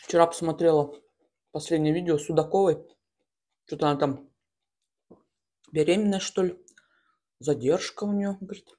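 A woman in her thirties chats casually and slangily while eating in a mukbang, chewing and smacking, with pauses between bites. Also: sits low, mellow. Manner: colloquial, slangy. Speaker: mukbang host. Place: small room at home, at a table.

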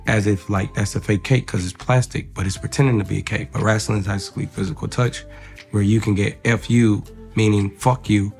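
A man's voice: fairly low pitch, fairly even intonation, brisk, vocal fry, a little mellow, soft background music. A man hosting a casual interview, teasing his guest in a slangy, joking way. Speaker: host.

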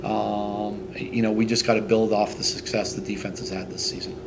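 Indoors before a team logo backdrop, a middle-aged head coach gives a post-game interview in a low, level voice. His delivery is halting, full of ums, pauses and restarts, and a clear steady noise runs beneath the recording.

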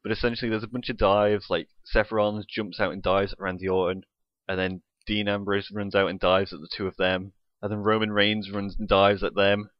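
A man's voice: fairly low pitch, level tone, fairly quick, no room sound, highs cut off. A young man co-hosting a podcast, recapping a wrestling show play by play in casual chat and swearing freely. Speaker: podcast co-host.

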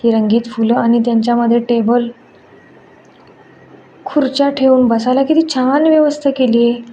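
A woman's voice: on the high side, steady tone, normal speed, dark tone, natural voice. A woman voicing a cheerful, chatty young woman friend who talks eagerly. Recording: dull lo-fi with faint noise.

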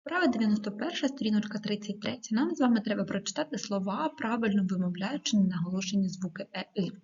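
A woman teacher giving a video lesson to schoolchildren, dictating words slowly and clearly with the odd hesitant filler. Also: medium pitch, a little mellow. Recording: dull lo-fi recording.

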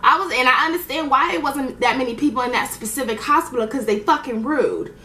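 This beauty vlogger has a high, brisk voice and chats casually as she applies makeup, recounting a story with animated, profane bluntness and performing the quoted dialogue. The audio sounds roomy, with slight background noise.

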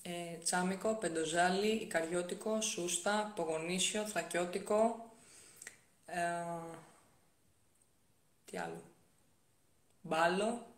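A woman's voice: lowish voice, expressive, pauses often. Young woman streamer on her phone at home, chatty, answers comments, roomy sound. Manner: chatty, reads comments aloud and answers them, with frequent soft-spoken asides. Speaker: live streamer. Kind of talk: casual live-stream chat answering viewer comments.

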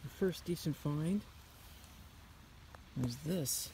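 A man from Canada narrating his metal-detecting finds in a forest, in an unhurried, muttering way, recorded outdoors on a camera mic. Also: on the high side, crowd noise. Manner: muttering, unhurried, talking to himself. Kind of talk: casual outdoor commentary.

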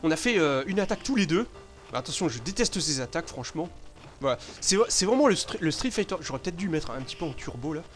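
A man commenting live on his own video game play, excitable, swearing often, with sudden loud outbursts that drop back to mutters. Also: on the high side, fast, soft background music. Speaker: gameplay commentator.

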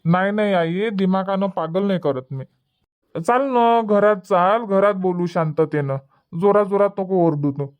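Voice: medium pitch, unhurried, smooth, phone-quality sound, close to an everyday voice. A voice actor doing a pleading henpecked village son. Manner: pleading, whiny, soft-spoken. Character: pleading grown son, henpecked young man. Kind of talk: cartoon comedy dialogue.

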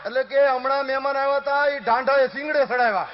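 High-voiced man telling folk jokes. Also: steady tone, noisy background. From Gujarat, India. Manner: acts out quoted villagers and wife in quick dialogue. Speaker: stand-up comedian. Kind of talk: live folk comedy storytelling. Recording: dull live hall recording with long echo. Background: audience laughter.

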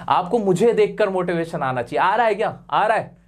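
A man's voice: sits high, lively intonation, a little fast. A male teacher giving a live exam revision class, talking in a chatty, teasing way and mixing in English terms.

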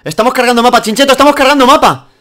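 Spanish guy gaming with a buddy, high bright voice, goofy banter. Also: very fast. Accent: Spanish (Spain). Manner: animated, loud laughing, joking. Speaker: gamer host. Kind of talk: casual let's play banter.

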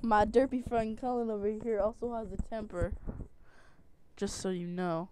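Young male gamer, high-pitched voice, casual teasing co-host chat, slightly noisy home recording. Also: steady tone, normal speed, a little mellow. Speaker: gaming video co-host. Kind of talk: casual gameplay banter, teasing.

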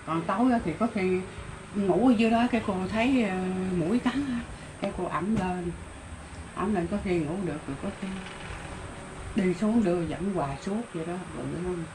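An older woman with a Southern Vietnamese accent tells a casual rural story in a fairly low voice at a moderate pace. She rambles on in plain talk full of exclamations, with noticeable background noise in the recording.

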